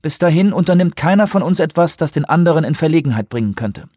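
A controlled female commander, played by a male narrator, pleads and presses in measured, insistent phrases. Her voice sits noticeably higher with a husky grain, recorded dry and close. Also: lively intonation, mellow, no room sound. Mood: persuasive.

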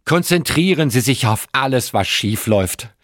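A man reading a scripted essay in a dry, ironic tone, lifting into lively emphasis when he runs through lists. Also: medium pitch, normal speed, no room sound. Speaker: narrator.

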